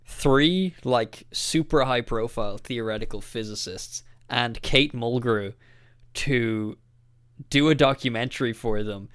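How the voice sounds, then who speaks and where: A man's voice: medium pitch, fairly bright tone, smooth, dry recording, clean studio sound. A man co-hosting a casual podcast chat, telling a rambling story with lots of fillers. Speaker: podcast co-host.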